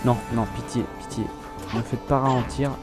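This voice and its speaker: With music in the background, this young host of a let's play chats in a relaxed way about his gameplay. His mid-range voice moves at a moderate pace, and he often begins sentences again.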